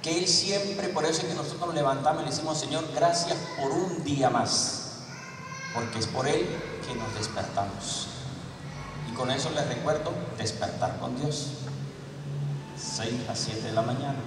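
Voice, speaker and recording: A man's voice: on the high side, moderate pace, heavy background noise. A man preaching a sermon in church, emphatic and throwing rhetorical questions to the congregation. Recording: echoey hall, distant mic.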